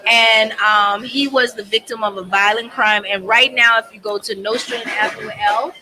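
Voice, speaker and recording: A woman from the Southern United States co-hosting a casual panel talk show, telling stories in an animated way. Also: a little high, normal speed, noisy background. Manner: animated storyteller. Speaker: co-host.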